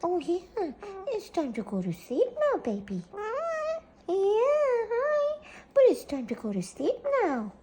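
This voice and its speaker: A woman talking softly to her pet at bedtime in doting, sing-song baby talk. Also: very high-pitched, wildly swooping pitch, slow pace, slight background noise. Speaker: pet owner.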